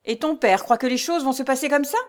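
A woman voicing a short, harsh male steward in a storybook reading, barking loud orders. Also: sits high, fast talker, pitched above the performer's own voice, lightly acted. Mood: furious.

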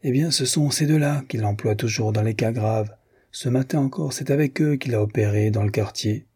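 A man's voice: medium pitch, normal speed, darkish tone, breathy edge. A man voicing a jealous, bitter official husband in an audiobook reading, sneering and brooding. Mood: anxious. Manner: sneering, then nervous and brooding.

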